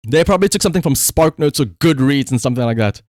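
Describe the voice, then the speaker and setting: A man with a medium-pitched, expressive, darkish voice talks fast as he hosts a livestream, addressing viewers directly. His commentary is casual, rambling, conversational, and emphatic, captured as clean studio sound with no echo.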